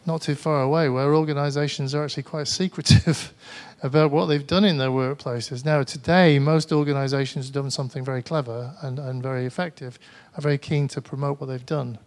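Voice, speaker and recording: A conference speaker from Manchester, England, gives a tired, conversational presentation and then takes audience questions, often hesitating and restarting. He has a Mancunian English accent and a mid-range voice with fairly even intonation, talking briskly with hardly any pauses.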